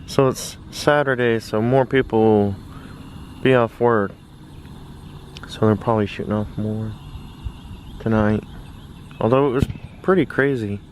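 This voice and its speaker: Thinking aloud in a relaxed hobby vlog, this thirty-something American radio enthusiast talks in a halting, rambling way. His low voice stays steady, while the small backyard shed is noisy and distant fireworks go off in the background.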